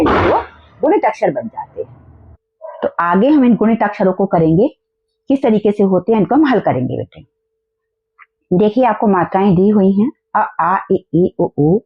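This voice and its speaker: A woman teacher explaining a school lesson, patiently repeating syllables slowly for her students. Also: mid-range voice, breathy edge. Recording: tinny phone-like recording.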